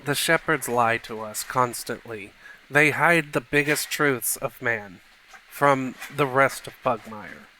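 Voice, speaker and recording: A man voicing an exiled young male dog who speaks calmly and matter-of-factly. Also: mid-range voice, slow pace, low-quality recording. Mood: lecturing.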